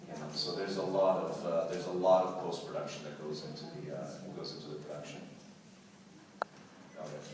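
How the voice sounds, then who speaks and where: A Canadian actor, a guest on a convention panel, fields audience questions in a big hall, rambling, repeating words and laughing a lot. His bass voice is a little fast with little pitch movement. The mic sits far away, so the hall echoes and crowd noise comes through.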